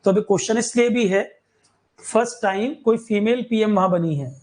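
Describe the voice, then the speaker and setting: A man's voice: sits high, normal speed, a little mellow, rough recording. A man from India teaching a current affairs lesson for exam preparation, repeating key facts and checking that students follow. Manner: repetitive, drills key facts, asks "clear?".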